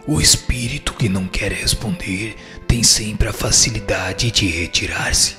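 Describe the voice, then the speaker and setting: In a scripted radio drama with background music, a man with a Brazilian accent and a lowish, sharp voice plays a wise, firm spirit. He reads at a measured pace, giving solemn, formal, instructive answers in dialogue.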